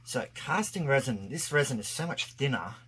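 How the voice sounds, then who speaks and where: A man's voice: medium pitch, lively intonation, normal speed, fairly bright tone, a little hiss or hum. A man narrating a casual hands-on craft tutorial, his voice muffled by a face mask over his mouth, explaining things step by step. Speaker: craft video host.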